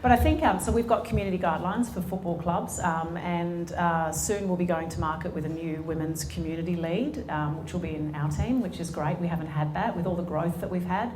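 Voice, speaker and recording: A low-voiced Australian woman in her forties talks earnestly on stage, with frequent ums and restarts as she answers. Her voice carries an echo from the event room, with a faint hiss under it. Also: brisk, hardly any pauses, darkish tone. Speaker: sports executive and guest speaker. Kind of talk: on-stage conversation. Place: conference room before an audience.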